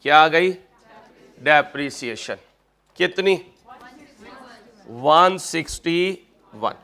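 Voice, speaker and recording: A man's voice: a little high, lively intonation, drawn-out words, gravelly, pushed and bright, clear, resonant tone. A man lecturing on accounting, mixing jokey personal stories with worked examples and calling his students "kids". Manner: chatty, joking, addresses students as kids. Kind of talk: classroom lecture with personal anecdotes.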